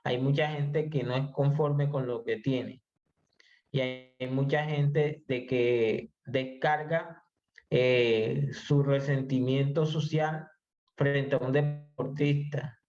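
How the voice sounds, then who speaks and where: Measured man, muffled audio. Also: medium pitch, fairly even intonation, darkish tone. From Colombia. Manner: measured, explanatory, with frequent hesitations. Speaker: interview guest. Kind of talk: conversational podcast interview.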